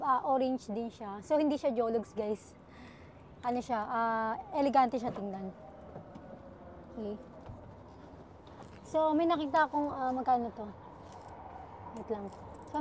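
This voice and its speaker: A high-pitched Filipino woman, a used car salesperson, chats casually through a car walkaround vlog at a dealership lot, with slight background noise. She's chatty and full of fillers, calling her viewers "guys" again and again.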